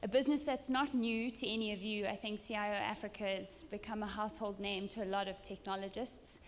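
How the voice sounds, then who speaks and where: A woman from Zimbabwe delivers an emphatic keynote speech to a conference audience, pausing now and then with an um. Her voice sits at a middle pitch. The sound carries a long reverb from the hall. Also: fairly even intonation, slight background noise. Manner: earnest, emphatic, with fillers. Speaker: conference speaker.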